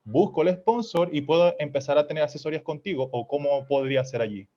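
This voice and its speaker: A man's voice: fairly high pitch, quick pace, warm tone. Venezuelan guy on a dull lo-fi call, polite, a bit hesitant asking his question. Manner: polite, slightly hesitant, repeats words. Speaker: webinar attendee asking a question. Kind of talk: live question on a video call.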